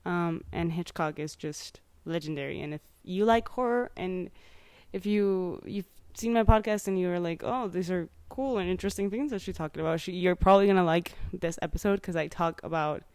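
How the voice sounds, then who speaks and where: Chatty young woman, smooth voice. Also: fairly low pitch, normal speed, a little mellow, no echo. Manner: chatty, rambling, full of likes and ums. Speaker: podcast host. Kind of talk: casual chat.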